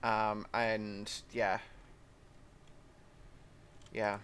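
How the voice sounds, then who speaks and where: This young British gaming host rambles chattily through a train-sim let's-play, dropping apologetic asides. His fairly low voice is flat and fairly bright, words drawn out, with slight background noise.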